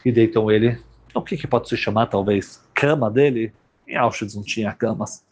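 A man telling a dramatic story as a rabbi, swinging between loud cries and hushed tones. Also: on the low side, moderate pace, breathy edge.

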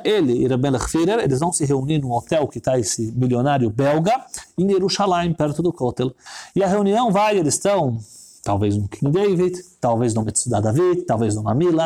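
Animated male storyteller, mellow voice. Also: fairly high pitch. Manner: animated, repetitive, building suspense. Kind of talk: religious storytelling.

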